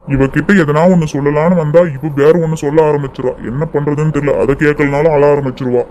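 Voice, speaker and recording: ஒரு ஆண் கார்ட்டூனில் அம்மாவுக்காகப் பதறி அவசரப்படுத்தும் கணவனுக்குக் குரல் கொடுக்கிறார். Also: male voice, a little high, little pitch movement, fast talker, darkish tone, slight background noise, close to an everyday voice. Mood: impatient. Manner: impatient, urgent. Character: anxious hurried husband worried for his mother. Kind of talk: cartoon voice acting.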